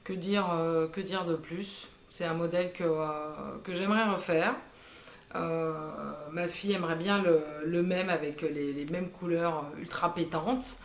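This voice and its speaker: Woman, 30s, slow unhurried knitting vlogger, halting delivery, roomy echo. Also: on the low side, steady tone, a little hiss or hum. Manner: hesitant, lots of "euh" fillers. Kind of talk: casual show-and-tell chat. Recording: echoey room.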